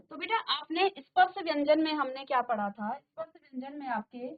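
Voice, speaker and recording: High-voiced woman teaching a Hindi class. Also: expressive, a little fast, muffled recording. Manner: patient, repeats questions and addresses students directly. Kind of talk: virtual classroom lesson. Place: studio classroom.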